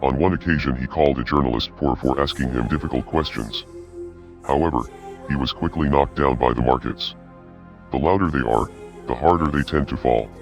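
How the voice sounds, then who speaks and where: A man delivering a scripted video statement as an anonymous hacktivist spokesman, in a menacing, measured voice that is disguised and pitched very deep. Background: music.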